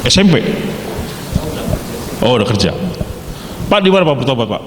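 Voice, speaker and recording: A man teaching a theology class, quizzing students with quick, joking questions and telling stories. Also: medium pitch, sing-song. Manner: jokey, rapid-fire questioning of students. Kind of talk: interactive class lecture with storytelling. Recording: echoey hall, faint background hiss.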